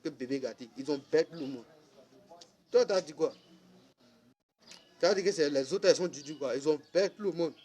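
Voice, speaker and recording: A man's voice: a little high, normal speed, pauses often, a little mellow. A man, ranting casually and scolding someone directly, repeating himself for emphasis. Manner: scolding, repetitive, addresses listener directly. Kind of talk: casual spoken rant.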